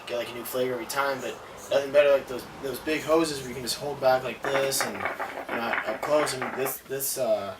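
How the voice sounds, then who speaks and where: A man chatting casually as a co-reviewer, halting and often repeating his words. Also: mid-range voice, fairly even intonation. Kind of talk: casual chat, informal product review. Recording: roomy, distant mic, clearly noisy.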